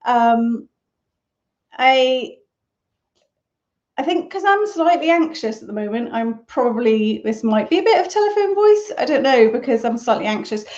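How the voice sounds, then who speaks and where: A woman's voice: a little high, expressive, moderate pace, a little mellow, highs cut off. A woman hosting a casual crochet Q&A live stream from home, chatty, rambling and self-deprecating. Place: at home, on a sofa.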